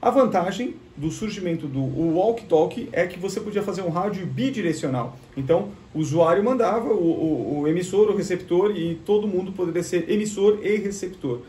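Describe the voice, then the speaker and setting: A man with a Brazilian Portuguese accent talks a little fast, with hardly any pauses, in a high voice with a dark tone; there's a bit of hiss or hum. As presenter of a vintage gadget show, he gives an informal explanatory demonstration, often asking and then answering his own questions.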